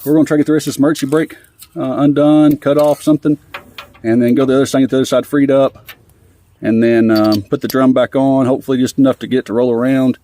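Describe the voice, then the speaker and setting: A man talks through his work on an old truck outdoors, winded and rambling, with lots of fillers. His voice sits at an ordinary middle pitch. He records on a handheld phone, with faint noise behind him. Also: level tone, fast talker, dark tone. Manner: rambling, filler-heavy, laid-back. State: out of breath. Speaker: vlogger fixing an old truck. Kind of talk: casual working commentary.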